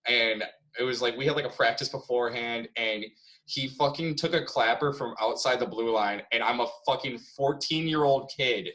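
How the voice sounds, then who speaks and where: A young man from the Chicago area, a podcast co-host, tells stories in casual chat, laughing often and swearing heavily. His mid-range voice is a bit bright at a moderate pace, and the recording is rough.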